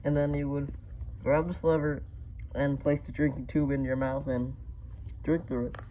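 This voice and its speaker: A man's voice: on the high side, little pitch movement, normal speed, dark tone. A man giving a casual product review, his voice muffled because he is talking through a gas mask. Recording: clear background noise, muffled by mask.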